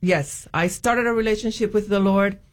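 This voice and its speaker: In an interview, a hesitant woman guest from Puerto Rico tells her faith story with many ums and restarts. Her voice is mid-range and her speed normal.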